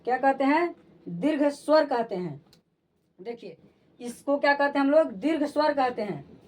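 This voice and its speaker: A woman's voice: sits high, animated, moderate pace, recorded from a distance. A woman teaching grammar. She repeats terms and keeps asking whether the students have understood. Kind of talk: classroom-style lesson explanation.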